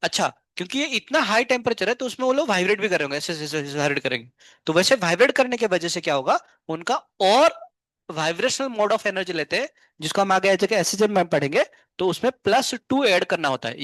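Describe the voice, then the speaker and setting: Physics teacher guy, high-ish voice, asks then answers his own questions, dry sound. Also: fairly bright tone, no room sound. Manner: asks questions and answers them himself, then slowly dictates notes. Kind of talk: classroom lecture. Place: classroom.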